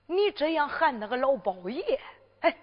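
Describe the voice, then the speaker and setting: A fatherly emperor in disguise, as a woman performer plays him in Henan zhuizi storytelling, talking in a high, lively Henan accent that teases and scolds in turn. The recording sounds dull and lo-fi, with a long hall reverb trailing behind. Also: moderate pace. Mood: fatherly, teasing. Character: disguised emperor posing as a wandering fortune-teller, fatherly.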